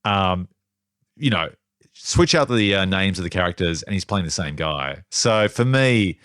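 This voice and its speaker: Low-voiced man co-hosting a film podcast. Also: lively intonation, fairly bright tone, smooth, dry recording, studio quality. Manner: playful, laughs often, quick asides. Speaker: podcast co-host. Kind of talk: casual movie review chat.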